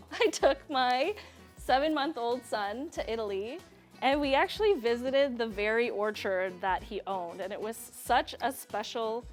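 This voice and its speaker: A young Serbian woman with a slightly high voice hosts a cooking show on a studio kitchen set. She chats casually as she cooks, laughs often, and drifts into family stories.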